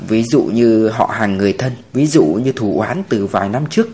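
A narrator voices a steady male police officer, dropping a little lower for him. He explains things in measured sentences. It sounds like a storybook reading with a lively pitch. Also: natural voice. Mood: calm.

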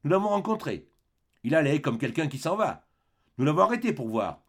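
A man voicing a matter-of-fact police sergeant giving a brisk, official report. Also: on the high side, sing-song, voice pushed up. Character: gruff middle-aged male gendarme sergeant, matter-of-fact.

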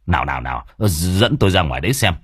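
Man as curt older village headman, lively pitch, barks orders. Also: quick pace, slightly rough, no echo, studio quality, heavily acted. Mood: commanding. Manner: blunt, irritated questioning. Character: gruff older male village chief, short-tempered.

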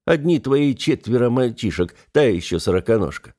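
A man's voice: medium pitch, lively intonation, normal speed, warm tone, natural voice. Man as a wry practical young hero. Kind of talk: audiobook character voice.

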